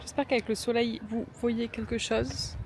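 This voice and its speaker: A woman's voice: on the high side, fairly even intonation, normal speed, a little mellow, a little hiss or hum, rough recording. A woman casually chatting through a travel vlog while walking around a city, filming on a handheld phone, easygoing, with many fillers. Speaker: travel vlogger. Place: outdoors in a city, partly on a bus.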